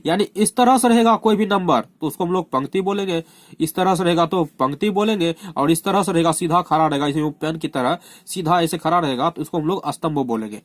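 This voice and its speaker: A man from India with a slightly high voice explains a math lesson at a board, speaking briskly with no echo. He keeps repeating terms and frequently tells his students to watch closely.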